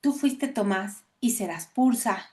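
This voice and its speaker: A woman's voice: a little high, lively intonation, slow pace, darkish tone. A woman reading as a reassuring spiritual teacher.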